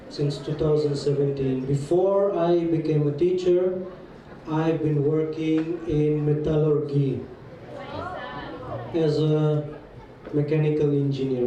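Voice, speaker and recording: A German-accented man teaching a class, friendly and teasing, speaking slowly and carefully. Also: on the high side, mellow, slight background noise. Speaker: guest teacher. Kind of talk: classroom talk. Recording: echoey hall from far off.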